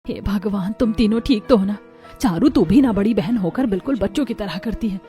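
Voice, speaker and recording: A woman's voice: medium pitch, fairly quick, warm tone, faint music behind, close to an everyday voice. A woman voicing a stern mother who favors her sons, in a cartoon story, speaking in a scolding, harsh way. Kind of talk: cartoon voice acting.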